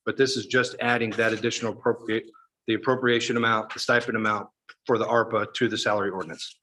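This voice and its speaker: Man, council chair, runs through votes at auctioneer speed; bright tone, light room noise. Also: on the low side, flat delivery, rough recording. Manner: rapid procedural motions and vote calls. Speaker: council president chairing a meeting. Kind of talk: chairing a town council meeting.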